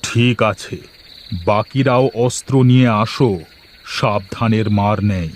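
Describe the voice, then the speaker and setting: An actor voicing a wise, kindly male village head in a cartoon, speaking in a steady, reassuring, fatherly way. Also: fairly low pitch, slow pace, a little hiss or hum. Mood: resolute. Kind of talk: cartoon voice acting.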